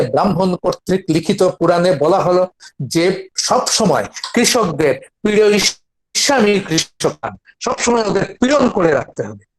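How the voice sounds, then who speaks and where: A man's voice: sits high, a little mellow. An older man with a Bengali accent giving an impassioned academic lecture on a webinar, asking rhetorical questions and reciting verses. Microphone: webinar video call.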